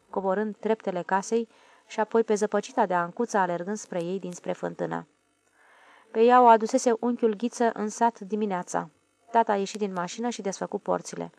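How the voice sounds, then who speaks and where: A woman reading a literary audiobook in a calm, measured way. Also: medium pitch, gravelly. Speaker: audiobook narrator.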